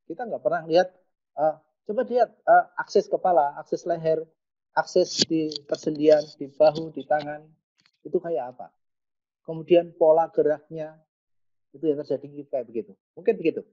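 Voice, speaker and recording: A man's voice: fairly high pitch, moderate pace, dark tone. A man answers webinar questions as a pediatric physiotherapist. He explains step by step and slips in light jokes. The sound is dull and lo-fi, like online call audio. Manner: explanatory, joking, with a Javanese touch. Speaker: guest speaker, pediatric physiotherapist.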